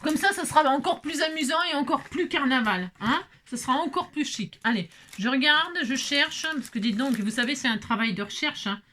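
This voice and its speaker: Woman, craft tutorial host, chatty and self-correcting, fairly high voice with a lively, swinging pitch. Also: moderate pace, few pauses, slight background noise. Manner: chatty, many fillers and self-corrections, laughs at herself. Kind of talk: casual step-by-step craft demonstration.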